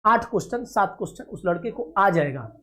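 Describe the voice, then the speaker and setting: A man's voice: sits high, lively intonation, brisk, fairly bright tone. A man teaching a reasoning lesson to students for a coaching video. He talks confidently, promises results and often checks whether the class has understood. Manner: coaxing, asks "clear?" often, calls students dear children.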